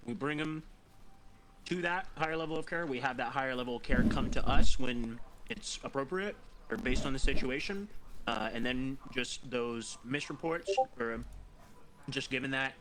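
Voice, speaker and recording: A man's voice: medium pitch, a bit bright, slight background noise. A man training medics in a game group over voice chat, rambling, swearing and correcting himself, tired and eating while he talks. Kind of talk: casual voice chat instruction.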